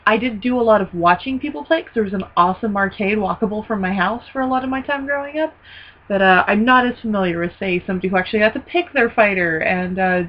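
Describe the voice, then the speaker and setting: A woman co-hosting a casual movie podcast, excitable and joking, with some swearing. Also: medium pitch, fast, dull audio. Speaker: podcast co-host.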